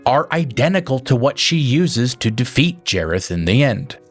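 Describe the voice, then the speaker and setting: A man delivers a scripted film analysis in an emphatic, case-building manner. His voice sits at an ordinary middle pitch. Faint music plays underneath. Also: big pitch swings, moderate pace. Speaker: narrator of a film analysis video. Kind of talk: scripted narration.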